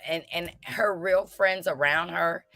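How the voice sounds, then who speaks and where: Middle-aged woman, low bright voice, sassy panelist banter, dry close sound. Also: unhurried, no room sound. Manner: sassy, joking, animated storytelling. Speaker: commentator. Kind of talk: casual panel chat.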